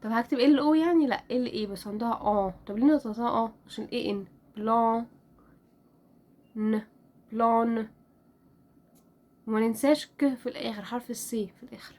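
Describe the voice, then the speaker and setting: A woman with an Egyptian Arabic accent teaching French pronunciation in a casual lesson, spelling out letters and repeating each word slowly. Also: fairly high pitch, a little mellow. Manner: drills words slowly, repeating each one.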